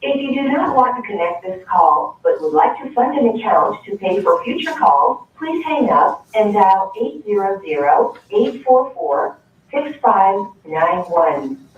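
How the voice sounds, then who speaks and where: Automated payphone collect-call voice, flat recorded prompt; heard from far off in a very echoey room, muffled. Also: mid-range voice, a little slow, a little hiss or hum. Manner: flat recorded announcement, reading fees and options. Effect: payphone collect-call recording played over courtroom speakers. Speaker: automated jail phone system prompt. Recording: distant, echoey, muffled phone-call playback in a courtroom.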